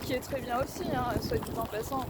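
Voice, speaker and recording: A woman's voice: fairly high pitch, steady tone, a little fast. A woman from France vlogging outdoors in a garden park, chatty and hesitant with lots of fillers. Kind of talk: casual vlog narration. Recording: outdoor wind noise.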